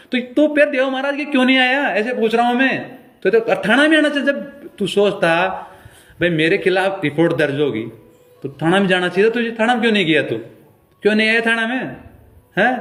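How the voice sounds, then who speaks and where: Male folk singer, Rajasthani accent, high-pitched, accusing and confrontational live-stream rant. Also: fairly bright tone. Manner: confrontational, accusing, repeats challenges. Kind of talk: angry live-stream appeal.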